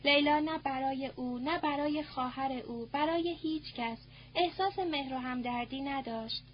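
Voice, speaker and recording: A woman narrating a novel in a measured, even reading, on a muffled recording with a faint hum. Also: sits high. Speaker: audiobook narrator. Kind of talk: scripted narration.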